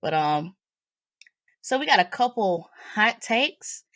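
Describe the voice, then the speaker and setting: A woman's voice: medium pitch, sing-song, slow pace, fairly bright tone, no echo. A woman hosting a review podcast, talking in an informal, slangy, conversational way. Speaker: podcast host. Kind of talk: casual movie review podcast.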